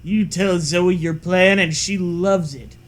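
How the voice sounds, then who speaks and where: A man's voice: high-pitched, takes it slowly. A man reading a silly story aloud with sarcastic, wry asides. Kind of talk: comedic story reading with banter.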